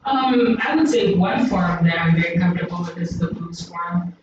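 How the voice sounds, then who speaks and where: A Ghanaian woman speaks earnestly on a panel and often pauses to search for words. Her voice sits a little low. The recording is muffled and noisy, with heavy room echo. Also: steady tone. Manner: earnest, searching, with many ums. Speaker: poet on a panel. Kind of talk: reflective panel discussion. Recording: distant mic in an echoey room, muffled, noisy.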